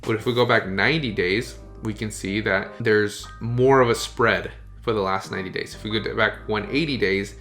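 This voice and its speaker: A man's voice: fairly low pitch, fairly even intonation, normal speed, a bit bright, soft background music. A man coaching online sellers in a casual screen-share tutorial, often checking in with "okay?" and "you guys".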